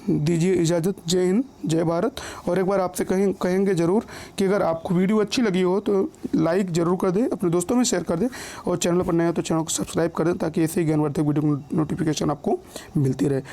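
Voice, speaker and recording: Male teacher, patient and repetitive, warm gravelly voice, keeps checking in with viewers. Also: sits high. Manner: patient, repeats each word and rule slowly; often checks in with listeners. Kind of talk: online grammar lesson.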